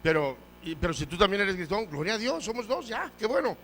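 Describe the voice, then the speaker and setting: A male preacher delivering a fervent sermon. He swings from loud shouts to soft, low passages and calls himself a loud talker. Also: very animated, brisk, slight background noise. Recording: long hall reverb.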